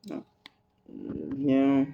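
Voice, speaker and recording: A man hosting a screen-recorded software tutorial, talking hesitantly and repeating words as he types. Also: medium pitch, very animated, very slow, creaky, phone-quality sound, a little hiss or hum. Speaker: tutorial host.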